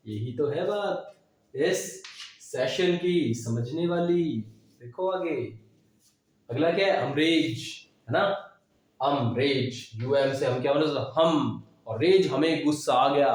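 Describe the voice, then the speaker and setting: A man's voice: a little high, darkish tone. A man teaching English vocabulary in Hindi, explaining words with memory tricks and checking in with "है ना?" as he goes. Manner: explains with mnemonics, frequent "है ना?" check-ins. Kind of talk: classroom-style vocabulary lesson. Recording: very echoey room.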